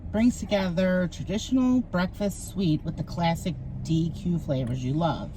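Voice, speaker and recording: A woman's voice: on the low side, normal speed, mellow, a little hiss or hum. A woman guest tasting and chatting in a dry, teasing way. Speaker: guest taster. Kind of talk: casual chat.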